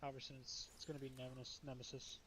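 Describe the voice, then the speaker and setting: A man's voice: medium pitch, flat delivery, fast. Noisy-sounding man in casual game chat. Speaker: squad member in a military simulation game. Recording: clearly noisy game voice channel.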